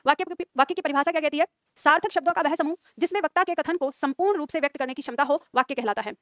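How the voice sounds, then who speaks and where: A woman's voice: sits high, very fast, a bit bright, no echo, studio quality. A woman teaching a Hindi grammar exam-prep class, dictating notes, repeating lines and quizzing her students.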